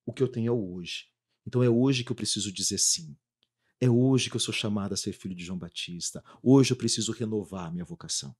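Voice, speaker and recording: A Brazilian man in his thirties, a lively storyteller chatting as a guest about his religious community life. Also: fairly low pitch, fast, breathy edge. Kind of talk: casual storytelling interview.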